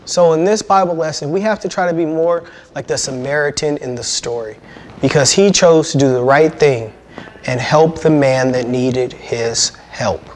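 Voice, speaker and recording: A man's voice: on the high side, moderate pace, slight background noise. An American man in his thirties teaching a children's Bible lesson, explaining things simply and in a friendly way as he talks and reads. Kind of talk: children's lesson with storybook reading. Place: indoors before a painted backdrop.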